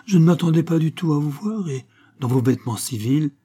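A man voicing a gentle, courteous young nurse. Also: on the high side, a little fast, breathy edge, voice pushed up. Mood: polite interest. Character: young woman nurse, gentle then firm.

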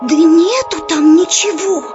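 Shy lil raccoon kid, hesitant n childlike, really high, kids story, slightly muffled. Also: female voice, unhurried. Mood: puzzled. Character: timid, hesitant little raccoon cub boy. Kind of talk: children's audio story acting. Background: faint music.

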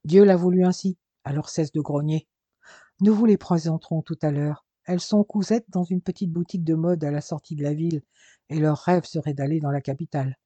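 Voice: mid-range voice, fairly even intonation, a little fast, dark tone, no room sound, lightly acted. A narrator doing a scolding innkeeper's wife. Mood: teasing. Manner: scolding, teasing. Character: brisk, teasing innkeeper's wife. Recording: dull lo-fi dry recording.

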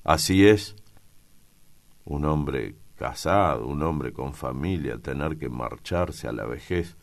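A man doing a touchy young gentleman. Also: extremely low pitch, slow, vocal fry, heavily acted. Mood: musing. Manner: curt, guarded questions. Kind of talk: audiobook character voice.

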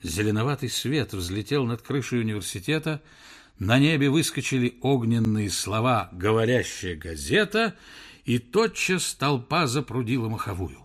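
A man narrating a story in expressive, scripted audiobook style. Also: mid-range voice, moderate pace.

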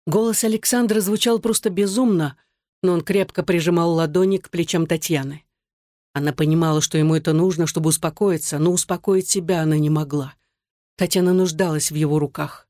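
A narrator reading a novel aloud in a steady, measured way. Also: mid-range voice, no echo, clean studio sound. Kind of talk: audiobook narration.

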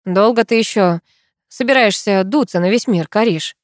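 A woman's voice: mid-range voice, moderate pace, dry recording, lightly acted. A woman voicing a male friend in an audiobook, a dry, teasing, grumbling man who stays dependable.

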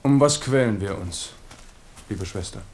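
A man's voice: on the low side, lively intonation, a little slow, darkish tone, slight background noise. An actor playing a worldly, passionate and commanding king in a radio drama. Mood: brooding, reproachful. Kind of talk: 1970s German radio drama acting.

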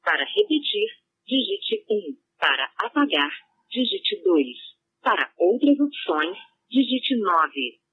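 A woman voicing an automated voicemail system, with a flat, mechanical delivery. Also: mid-range voice, slow pace, long pauses, husky, exaggerated voice. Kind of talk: automated phone menu. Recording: tinny phone line.

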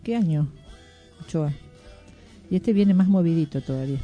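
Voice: medium pitch, animated, normal speed, highs cut off, soft background music. A radio host chatting casually and joking with a co-host at the end of a show.

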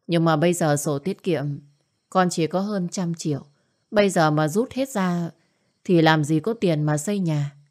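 A woman's voice: lowish voice, measured pace, darkish tone, natural voice. A woman voicing a meek grown son who placates his mother hesitantly. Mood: placating.

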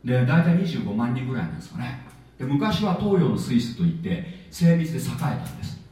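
A man preaching a sermon in a chatty, lively way, with plenty of filler words. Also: mid-range voice, brisk. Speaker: pastor. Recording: echoey hall, voice from far off.

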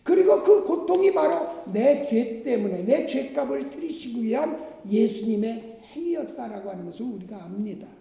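High, gravelly-voiced male preacher in echoey hall. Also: lively intonation, normal speed, hardly any pauses, dark tone. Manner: conversational preaching with rhetorical questions. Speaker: pastor. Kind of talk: sermon.

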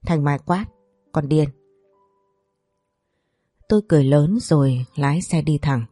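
A woman's voice: sits low, a little fast, warm tone, dry recording, studio quality, soft background music. A woman narrating a first-person romance story in a brash, teasing voice. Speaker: audiobook narrator.

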